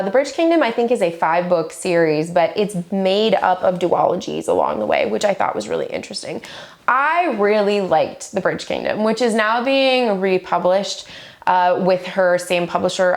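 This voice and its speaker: Enthusiastic woman with a gravelly low voice. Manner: enthusiastic, gushing. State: recovering from flu. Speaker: book vlogger. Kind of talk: casual book review chat.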